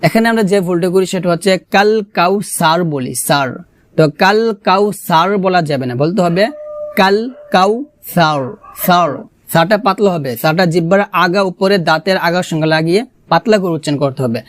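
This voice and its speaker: A man teaching Quran pronunciation, who recites slowly and drawn out and then explains mistakes quickly and patiently. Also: sits high, dry recording. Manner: patient, repetitive, corrective teaching. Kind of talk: tajweed pronunciation lesson.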